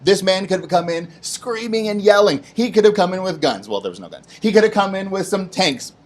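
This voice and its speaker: A man hosting a kids' Bible lesson who tells the story in a lively, casual way and slips into voices for its characters. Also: high voice, brisk. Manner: animated, plays voices in his stories, casual slang. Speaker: children's ministry host.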